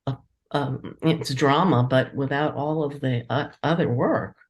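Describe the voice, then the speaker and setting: An interviewed playwright and editor, this woman speaks conversationally with an enthusiastic, appreciative manner. Her voice is extremely low in pitch, and she talks a little slowly.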